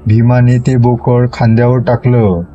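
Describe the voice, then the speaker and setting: A man narrating a horror story in a slow, steady storytelling manner. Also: mid-range voice. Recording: dull lo-fi recording with faint music.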